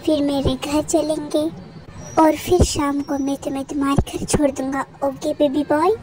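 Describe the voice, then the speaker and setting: A rude, possessive male professor, teasing and bossy, who turns doting, as a woman voices him in a high-pitched voice. It is told as a spoken fan story, with music under the voice. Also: little pitch movement, normal speed, lightly acted, poor audio.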